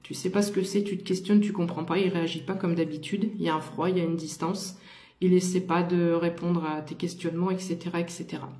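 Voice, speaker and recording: A woman's voice: on the low side, level tone, brisk, dark tone, echoey room. A woman giving a casual tarot reading to the viewer, talking with many fillers and restarts. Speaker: tarot card reader.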